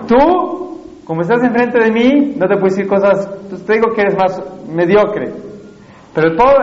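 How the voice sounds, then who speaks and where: High-voiced man lecturing a class. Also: darkish tone. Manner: explains step by step and checks in with frequent questions to listeners. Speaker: teacher. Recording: roomy, dull lo-fi recording.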